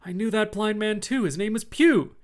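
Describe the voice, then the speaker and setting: A man's voice: high-pitched, normal speed, voice pushed up, natural voice. A man voicing an eager, earnest young cabin boy.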